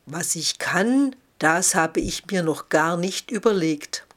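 A woman voicing a rough-voiced, self-doubting lame man on crutches in a storybook reading. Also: on the low side, expressive, takes it slowly, fairly bright tone, exaggerated voice. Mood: amused. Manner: self-deprecating, then eager.

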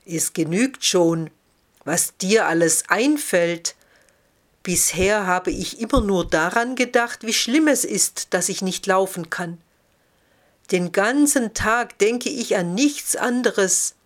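A woman voicing a rough-voiced, self-doubting lame man on crutches in a storybook reading. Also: mid-range voice, animated, slow. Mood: amused. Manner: self-deprecating, then eager.

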